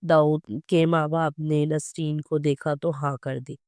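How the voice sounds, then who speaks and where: Smooth, dry storybook narrator. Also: medium pitch, little pitch movement, unhurried, a little mellow, dry recording. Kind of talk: scripted narration of a novel.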